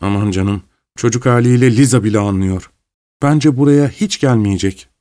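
A man voicing a thoughtful, caring middle-aged woman who speaks in a measured, earnest way. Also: medium pitch, mellow, dry recording, clean studio sound, natural voice. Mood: concerned.

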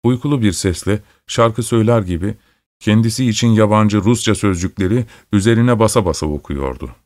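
A man reads a literary story in a low, steady voice with measured pacing. The sound is dry and close, with no room around it. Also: no echo. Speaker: audiobook reader. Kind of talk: scripted narration.

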